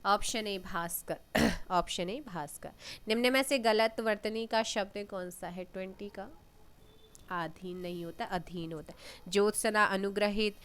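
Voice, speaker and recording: A woman teaching an exam-prep lesson, reading out questions and giving answers, often clearing her throat. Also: medium pitch, fairly bright tone. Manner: unhurried, reads questions then gives answers, frequent throat clearing.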